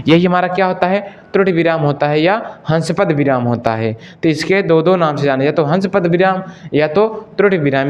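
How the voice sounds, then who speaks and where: A man's voice: fairly high pitch, darkish tone, lo-fi sound, slight background noise. A male Hindi teacher giving an exam-prep lesson, repeating each question to the class and then answering it himself, and addressing listeners as friends. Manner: stretches out example sentences slowly.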